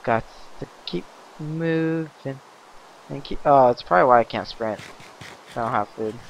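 Slow-talking man narrating a game, lo-fi. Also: mid-range voice, vocal fry, a little hiss or hum. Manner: chatty, easily excited, yelps and laughs at mishaps. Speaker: gaming commentator. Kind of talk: casual let's-play commentary.

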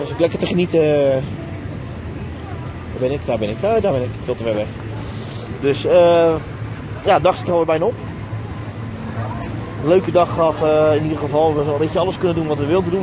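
Filming himself on an action camera held out at arm's length, a man in his thirties with a Dutch accent chats loosely through a busy outdoor theme park, filler words everywhere. He talks fast in a fairly high voice and pauses often. Background noise and clearly heard music fill the recording.

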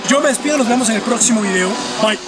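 A man with a Mexican accent presenting a comic explainer video, lively and jokey, acting out little skits. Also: very high voice, fast talker, very noisy. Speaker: video creator. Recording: loud background music.

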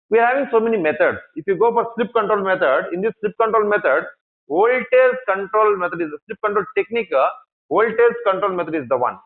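A male engineering lecturer with an Indian English accent, teaching a class, repeating key phrases and asking questions he then answers himself. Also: high-pitched. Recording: tinny phone-like lecture recording.

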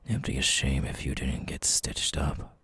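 A menacing eyeless creature of the night, acted out by a man for an ASMR audio roleplay. He speaks in an extremely low, gravelly whisper, slowly and deliberately, taunting the listener with a sinister fondness. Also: completely flat delivery, bright, forceful tone, no echo, exaggerated voice. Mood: mock-sympathetic. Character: menacing eyeless male night creature, sadistically fond and teasing.

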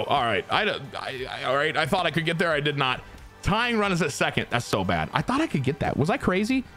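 A young man giving excited commentary over his own baseball video game, muttering one moment and shouting the next. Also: a little high. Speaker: gaming YouTuber. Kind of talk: live gameplay commentary.

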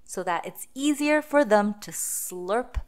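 Sounding out letters and words slowly and carefully, a woman hosts a phonics read-aloud for young children. Her mid-range voice is expressive.

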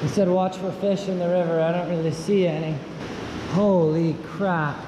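A man narrating casually and excitedly into a handheld camera while wading through a limestone cave, his voice echoing off the cave walls. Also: sits high. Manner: excited, awed running commentary while wading. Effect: cave echo. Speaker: vlogger. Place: inside a limestone cave with a river running through. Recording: roomy cave echo, dull sound, rushing water noise.

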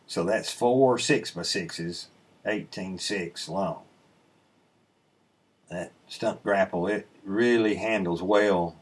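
Recorded on a webcam while seated at his desk, in an indoor room away from the sawmill, a middle-aged channel host casually talks over footage of his sawmill work. He rambles in a laid-back way with plenty of ums and uhs, his voice fairly low and slightly rough.

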